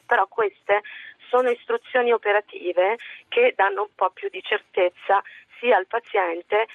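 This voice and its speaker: A woman with a hoarse, husky voice roughened by a cold speaks in an interview over a narrow telephone line. Her delivery is creaky and measured, explaining technical matters carefully. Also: fairly low pitch, no echo. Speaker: health journalist, phone guest. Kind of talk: radio interview answers. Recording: tinny narrowband phone line.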